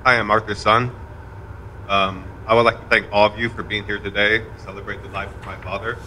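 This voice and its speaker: A man stands at a memorial in a college event room, reading a eulogy for his father. His voice sits low but rings bright and forward, and he keeps a steady, rather monotone pace. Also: slight background noise, low-quality recording. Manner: fairly monotone, measured delivery. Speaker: son giving a eulogy.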